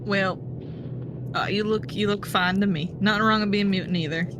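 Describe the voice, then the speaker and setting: A woman's voice: medium pitch, steady tone, moderate pace, natural voice. A woman voicing a dry, prickly skeleton outlaw in a tabletop game, hesitant and sardonic. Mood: affable. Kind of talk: tabletop role-play. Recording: noticeable background noise.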